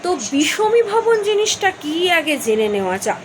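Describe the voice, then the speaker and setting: A woman's voice: very high-pitched, sing-song, moderate pace, a little hiss or hum, rough recording. A woman teaching a grammar lesson, explaining step by step with fillers and frequent checks on the listener.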